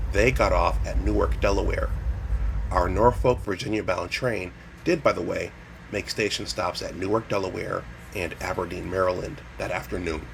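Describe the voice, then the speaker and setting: A man with a fairly low voice narrates a travel vlog from a script. Train ambience runs clearly behind him. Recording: clear background train noise.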